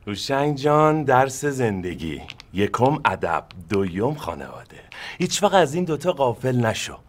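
An older actor playing a fond, drawling family elder in a sitcom who hands out life lessons. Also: male voice, mid-range voice, very animated. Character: folksy old man giving life lessons. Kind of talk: sitcom acting.

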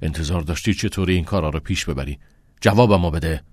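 A man voicing a stern middle-aged father who shouts angry, scolding reproaches. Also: low voice, no echo, clean studio sound, pitched below the performer's own voice. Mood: furious.

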